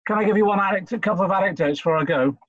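Man, from liverpool, earnest and halting, dry dull lo-fi sound. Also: high voice, dry recording. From Liverpool, England. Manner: halting, repeats phrases, earnest. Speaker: guest. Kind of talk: conversational interview.

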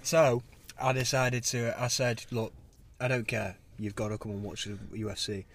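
A man's voice: medium pitch, fairly even intonation, normal speed. British man chatting in a parking garage. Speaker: podcast co-host. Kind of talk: casual sports podcast chat. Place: car park, recording on location.

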